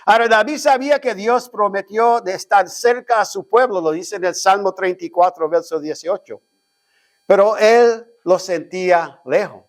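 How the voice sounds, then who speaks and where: High-voiced pastor preaching. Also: male voice, normal speed. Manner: preaching with frequent amens and asides to the congregation; dramatizes his own prayers, rising to a shout. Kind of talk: Sunday school sermon.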